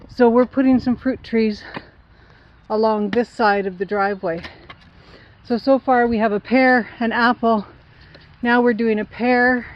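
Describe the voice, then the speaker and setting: A middle-aged woman, explaining her tree planting in a halting way with many fillers. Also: fairly high pitch, dull audio, slight background noise. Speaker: homesteader showing her garden. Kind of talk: casual explaining to camera. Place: outdoors by a driveway.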